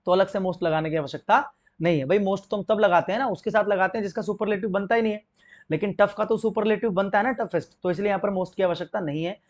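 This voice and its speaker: Man, Indian accent, high-pitched, grammar teacher, step-by-step explaining, dull lo-fi recording. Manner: explains step by step, asking and answering his own questions; reads example sentences slowly and clearly. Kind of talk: exam-prep grammar lesson.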